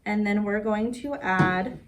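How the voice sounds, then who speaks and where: Her voice is medium in pitch and slow, and the audio sounds dull. She hosts story time and crafts for young children, reading a picture book aloud and demonstrating a craft in a simple, sing-song way. A distant microphone captures a noisy recording.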